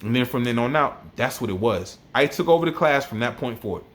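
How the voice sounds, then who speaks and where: A man's voice: mid-range voice, expressive, brisk. A man telling a personal story as a vlogger, emotional and worked up, often repeating himself. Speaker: army NCO vlogger.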